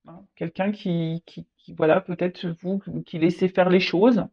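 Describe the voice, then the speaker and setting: A tarot reader talks through a casual reading, stumbling and repeating words as the thoughts come. The voice sits at a middle pitch, and the recording sounds dull and lo-fi. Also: steady tone. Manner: halting, repeats words, frequent "hein" tags.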